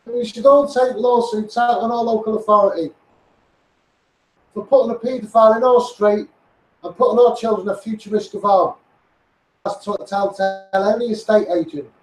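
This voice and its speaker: Soft music plays behind a high male voice with fairly even intonation at normal speed. The Liverpool-area Scouser, an online campaigner on a livestream, rambles passionately, repeating himself and urging his viewers on, all picked up by a distant microphone in an echoey space.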